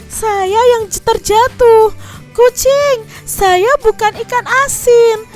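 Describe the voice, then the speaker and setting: A woman voicing a small frightened mouse in a children's storybook, pleading in a high squeal. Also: takes it slowly, a little mellow, faint music behind. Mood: panicked. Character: panicking small male mouse.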